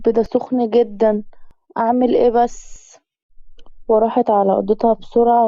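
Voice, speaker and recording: A woman with an Egyptian accent narrating a story in a brisk, plain manner. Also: medium pitch, gravelly, dry recording, highs cut off. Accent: Egyptian Arabic.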